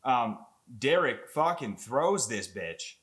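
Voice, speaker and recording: A young man with an ordinary middle-pitched voice talks through a fight replay for his channel. He rambles loosely, piles on fillers and curses, and gets worked up over the action. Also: slow. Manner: excitable, rambling, swears a lot, many fillers. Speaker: MMA content creator. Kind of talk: casual fight breakdown commentary.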